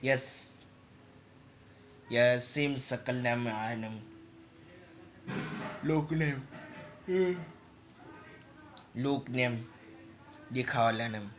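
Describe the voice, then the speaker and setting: A man's voice: medium pitch, very slow, long pauses, slight background noise. A man casually narrating a story over a game, in loose, rambling and repetitive phrases. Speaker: gaming channel narrator.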